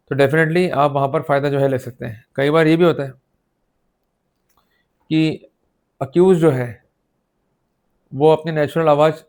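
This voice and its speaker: A man with an Indian accent teaches law in an explanatory, didactic lecture mixing Hindi and English. His voice is a little high and a little mellow.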